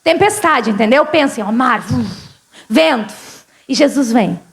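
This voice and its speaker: Uma pastora gaúcha de voz bem aguda prega num culto. Ela fala com a congregação como numa conversa e faz perguntas o tempo todo. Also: female voice, a little high, animated, unhurried, gravelly. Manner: conversational, questions the congregation often. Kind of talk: sermon. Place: church service.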